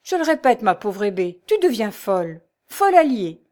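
A woman's voice: on the high side, sing-song, moderate pace, a little mellow. Woman doing a grumbling old crone mother, scolding and sneering. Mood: mocking.

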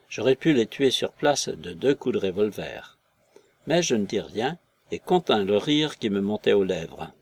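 A man narrating a literary story in a measured, scripted audiobook reading. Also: medium pitch, darkish tone.

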